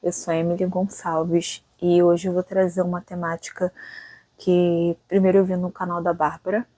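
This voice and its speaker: In a casual, reflective vlog on her own channel, a late-twenties woman muses aloud and tends to tack small questions onto her sentences. She speaks at normal speed in a low, level, dark-toned voice, recorded with no room sound.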